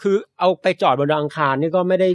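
A man's voice: fairly high pitch, steady tone, fast, no echo, lo-fi sound. A young Thai man co-hosting a podcast, casually explaining science news in a chatty, explanatory way. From Thailand. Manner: explanatory, chatty, adds polite particles.

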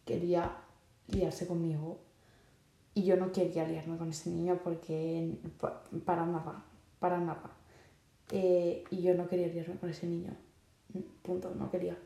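A woman's voice: lowish voice, vocal fry, dark tone. A young woman from Spain with a Spanish accent, hosting her podcast and chatting loosely, with lots of fillers, as she gives advice. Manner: chatty, lots of fillers, acts out quoted lines. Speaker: podcast host. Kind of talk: casual advice monologue. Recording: echoey room.

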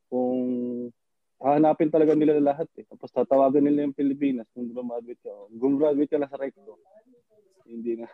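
A man's voice: medium pitch, flat delivery, a little fast, no echo. A man in his twenties from the Philippines, calling in as a guest and giving short, plain answers. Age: 20s. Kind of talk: casual chat. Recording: tinny, dry phone-line call.

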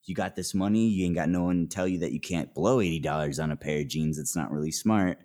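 A young man with a low voice spins a long story in casual talk. He keeps acting out what people said and swears freely as he goes. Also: fast talker. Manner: animated, swears a lot, acts out quotes. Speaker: podcast guest.

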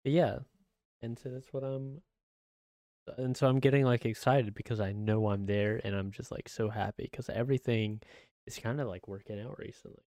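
A young man from the United States, a streamer, rambling in casual chat to viewers, flat and monotone with many fillers and restarts, close to a desk microphone. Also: mid-range voice, moderate pace, no room sound. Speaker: streamer and channel owner.

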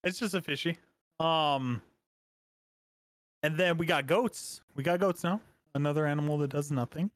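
A man's voice: fairly high pitch, normal speed, pauses often, no room sound. A man co-hosting a podcast, joking and rambling in casual chat. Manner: animated, jokey, rambling with fillers. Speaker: podcast co-host.

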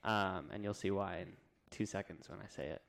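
A young man co-hosting a podcast, telling a funny family story in a relaxed, laughing way. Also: deep voice, brisk, gravelly. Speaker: podcast co-host. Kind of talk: casual chat.

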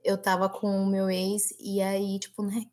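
A young woman, blunt and expressive in a casual chat with friends. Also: mid-range voice, a little slow.

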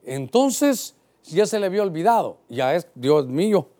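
A man's voice: high-pitched, sing-song, moderate pace, dark tone. A man in his sixties, a pastor preaching a sermon with passion who keeps calling his listeners brother.

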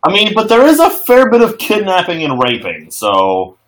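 A man throws dry, sarcastic one-liners into a casual podcast chat. His voice sits a little high and swings widely in pitch. His delivery is animated. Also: normal speed. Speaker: podcast co-host.

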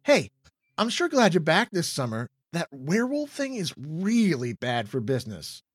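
Ein Mann als nervöses, zögerliches Mädchen. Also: male voice, on the high side, huge pitch swings, normal speed, dry recording, studio quality, voice pushed up. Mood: friendly. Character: nervous girl at summer camp, worried.

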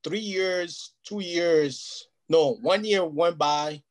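Very slow and a little high in pitch, this male voice belongs to a native Portuguese speaker. He's an interview guest in a casual conversation, speaking earnestly and at length and often asking "you know what I mean".

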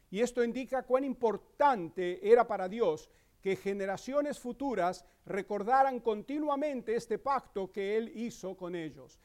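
A man's voice: sits high, darkish tone. A male pastor preaching a sermon, explaining scripture and asking the congregation rhetorical questions. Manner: reads scripture aloud with slow emphasis.

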